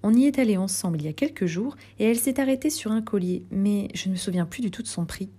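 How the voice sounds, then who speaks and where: A woman's voice: medium pitch, animated, quick pace, dark tone, husky. A woman doing a caring young friend. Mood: casual.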